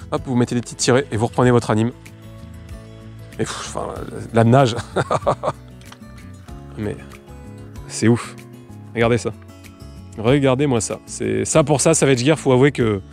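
A young man gives a casual fishing lure demo outdoors, talking in quick, loose explanations full of fillers. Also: a little high, darkish tone. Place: outdoors by the water.

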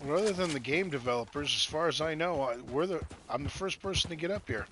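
A man's voice: a little high, expressive, fast, fairly bright tone. A man giving casual commentary as he plays a video game. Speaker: gamer. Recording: clearly noisy, game sounds behind. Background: game horse hooves and animal sounds.

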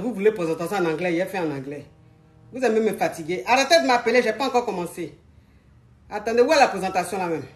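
A woman's voice: mid-range voice, roomy sound. A woman hosting a casual live stream, out of breath and sweating, chatting in a scattered way and calling her viewers family.

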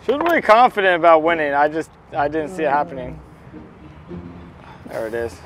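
A man's voice: fairly high pitch, very animated, fairly quick, fairly bright tone. A man in his thirties, a fishing captain hosting a casual vlog, teasing and laughing outdoors on a boat and a dock. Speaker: fishing captain and channel host.

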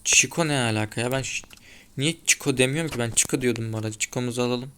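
A gaming YouTuber gives casual commentary while he plays, chatting to viewers and grumbling along the way. His voice is medium-pitched and fast, with loud racing game engine and tire noise behind it.

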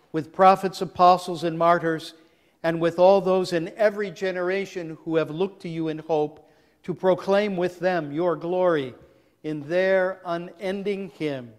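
A man, a priest leading a communion service, reciting the prayer in a slow, solemn, measured way, his voice carried by a long cathedral-like echo. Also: high voice, steady tone. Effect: long cathedral-like echo around the voice. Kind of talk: chanted liturgical prayer. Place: large church. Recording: long echo in a large church.

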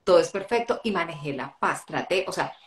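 A woman's voice: fairly low pitch, lively intonation, a little fast. A woman who is a guest in a conversation, telling a personal story and acting out the dialogue within it. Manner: narrates with acted-out dialogue. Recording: echoey room.

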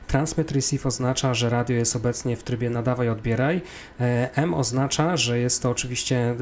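A man with a Polish accent explains a flight simulator step by step, like an instructor in an unscripted software tutorial. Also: mid-range voice, a little hiss or hum.

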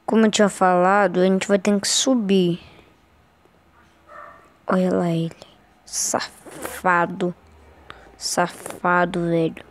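A woman's voice: mid-range voice, steady tone, unhurried, long pauses. A Brazilian woman giving casual, scared and anxious commentary while playing a horror game, often repeating short phrases. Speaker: gaming streamer.

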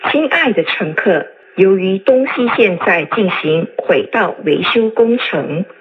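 Woman's muffled loudspeaker announcement. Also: mid-range voice, lively intonation, a little slow. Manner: polite, formal. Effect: played over a station loudspeaker. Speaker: station announcer. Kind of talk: public address announcement.

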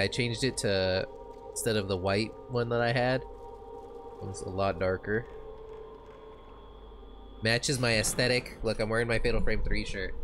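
A man's voice: on the low side, noisy background. A man from Texas, live-streaming a horror game and joking with his chat. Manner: joking, talks to chat, sings snatches.

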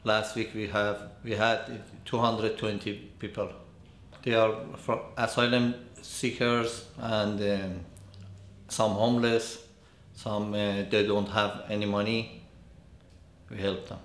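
Slow, low man. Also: little pitch movement, a bit bright, echoey room, a little hiss or hum. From Iran. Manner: simple non-native phrasing. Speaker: food bank volunteer. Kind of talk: interview. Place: church food bank storeroom.

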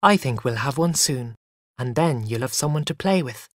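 Calm, fond young mother, gentle and soothing, raised lively pitch, as the story's reader puts her on. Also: normal speed, dry recording, studio quality, lightly acted.

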